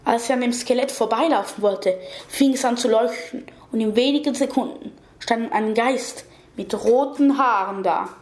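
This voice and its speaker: A woman's voice: a little high, normal speed, darkish tone. A woman reading a fantasy story aloud, with small slips and self-corrections, in an echoey room.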